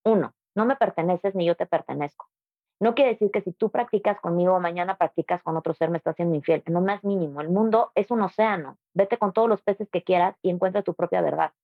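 A woman's voice: fairly low pitch, fast talker, dry recording, narrow, tinny audio. A woman with a Mexican accent, a yoga teacher talking as a guest in a casual interview, emphatic and conversational.

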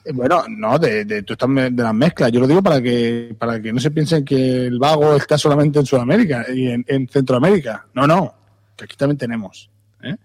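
Man from Spain, mid pitch, casual podcast chat, teasing, chatty. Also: brisk, a little mellow. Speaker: podcast co-host.

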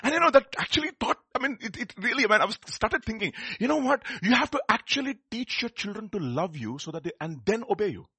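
Male preacher, middle-aged, Indian accent. Husky and forceful, conversational sermon delivery with rhetorical questions, recorded close and dry. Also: sits high, sing-song, fast, hardly any pauses, no echo. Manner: conversational, questioning, repeats phrases for emphasis. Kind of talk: animated sermon.

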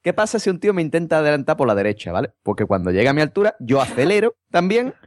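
A man's voice: on the high side, big pitch swings, racing, no room sound. A man, co-hosting a podcast in casual chat, jokey and teasing. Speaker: podcast co-host.

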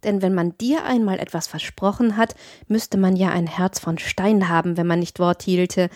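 Woman doing a young painter lad, friendly, teasing, mellow, dry close sound. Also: fairly low pitch, fairly even intonation, moderate pace, no echo, lightly acted. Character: cheerful young male wandering painter.

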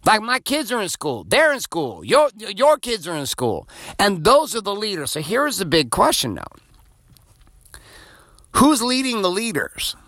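A man's voice: sits high, huge pitch swings, unhurried, pushed and bright, dry recording, clean studio sound. A man in his forties hosting a podcast, giving a blunt, profane motivational monologue. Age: 40s. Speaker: podcast host.

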